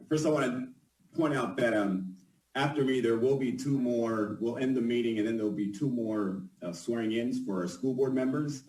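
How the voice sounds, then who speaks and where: Man's halting speech in an echoey room. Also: lowish voice. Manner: halting, pausing often. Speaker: newly elected mayor. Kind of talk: informal inaugural speech. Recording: echoey room, distant from mic.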